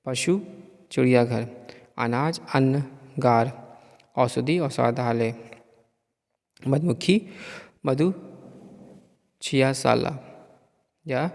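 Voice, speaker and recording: A man teaching a lesson, reading pairs of words slowly, one after another with pauses. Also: mid-range voice, a little mellow, big-room sound. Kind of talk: slow reading of vocabulary lists for a lesson.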